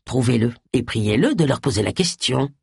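A reader voicing an older man, a cautious and worried friend, in an audiobook, lowering the voice and speaking with apprehension. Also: lively intonation, moderate pace, gravelly, slightly rough, no echo, clean studio sound, exaggerated voice. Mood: practical. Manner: hesitant, apprehensive.

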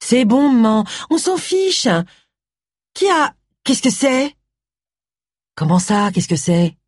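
A whiny, jumpy witch daughter with a high, strained voice, as a woman reader puts her on. The voice is breathy and rises sharply. It is read dry and close for an audiobook. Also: sing-song, takes it slowly, darkish tone, dry recording, exaggerated voice. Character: whiny grown daughter witch, easily scared.

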